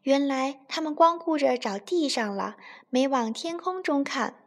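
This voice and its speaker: A woman telling a children's bedtime story in a gentle, expressive way. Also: sits high, a little slow.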